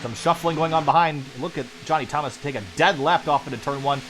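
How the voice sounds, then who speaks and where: A man calling sim racing play-by-play as lead commentator, quick and building excitement during the action. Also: on the high side, noisy background.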